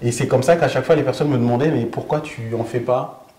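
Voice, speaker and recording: A man's voice: mid-range voice, quick pace, a crowd in the background. A man in his forties from Senegal, a guest author answering interview questions, telling stories with many hesitations and restarts. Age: 40s. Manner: animated storyteller, frequent hesitations and restarts. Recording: echoey room.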